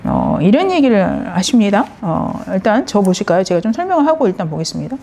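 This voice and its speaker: A middle-aged woman giving a Bible lecture, telling the story with lively acted-out dialogue. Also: mid-range voice, fast, gravelly, a little hiss or hum. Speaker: counselor teaching on scripture.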